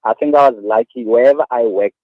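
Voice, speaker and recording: A man in his thirties with a South African accent, a guest speaking earnestly and haltingly, repeating his words as he explains. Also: mid-range voice, dry recording. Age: 30s. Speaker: guest, awareness activist. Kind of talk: phone-in radio interview. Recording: tinny phone line.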